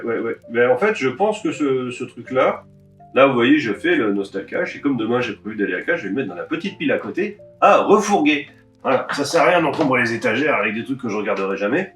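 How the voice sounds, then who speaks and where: A man's voice: mid-range voice, fairly bright tone, recorded from a distance. A man talks casually through a stack of DVDs, wry and grumbling, with the odd offhand swear. He sits a little back from the mic, in a room with a roomy echo. Faint music plays behind him. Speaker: DVD collector vlogger.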